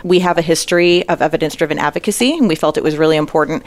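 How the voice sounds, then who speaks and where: A woman leading a trade association, answering interview questions in a measured, prepared way with occasional filler pauses. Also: sits low. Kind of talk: panel interview.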